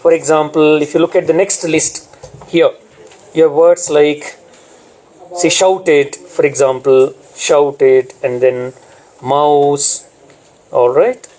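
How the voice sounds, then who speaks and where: High-voiced Indian man lecturing teachers. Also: level tone, slow pace, long pauses, darkish tone, poor audio. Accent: Indian English. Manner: repeats key words, quizzes the room. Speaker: teacher trainer.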